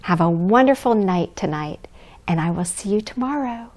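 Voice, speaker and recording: A woman playing Mrs. Claus as a kindly storybook reader, gentle and expressive, speaking to children. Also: mid-range voice, moderate pace, lightly acted. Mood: tender, hushed. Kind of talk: children's storybook reading, addressing young listeners.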